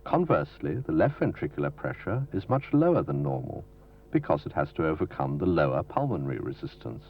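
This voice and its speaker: A very low-voiced man reads scripted narration for a medical training film, formal and instructive, measured yet lively in pitch. The recording is dull and lo-fi with a little hiss or hum, like a 1970s film soundtrack taken from videotape.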